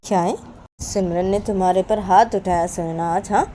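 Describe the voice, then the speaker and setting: A woman voicing an angry middle-aged father who scolds with loud, repeated accusing questions. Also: medium pitch, fairly even intonation, moderate pace, a little hiss or hum, close to an everyday voice.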